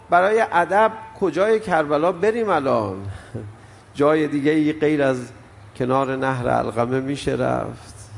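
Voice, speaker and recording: An older man with a creaky, mid-range voice preaches an emotional mourning sermon, reciting an elegy through stories that swell and drop in intensity. The recording carries a long hall reverb and faint background noise.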